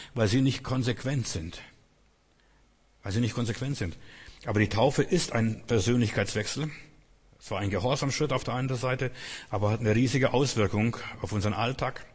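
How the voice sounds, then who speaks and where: A man's voice: medium pitch, slightly rough. A man preaching a sermon, earnest and emphatic, repeating his key phrases. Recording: long hall reverb.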